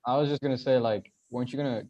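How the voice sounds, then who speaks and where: A man's voice: medium pitch, steady tone, very fast, warm tone, muffled recording. A young man on a video call with friends, laughing and egging them on. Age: young adult. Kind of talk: casual banter.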